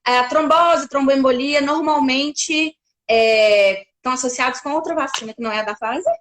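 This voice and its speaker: Brazilian woman doctor, high voice, patient and explanatory, restarts a lot. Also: moderate pace, a bit bright. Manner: explains carefully, with many fillers and restarts. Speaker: pediatric doctor. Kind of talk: casual explanatory interview.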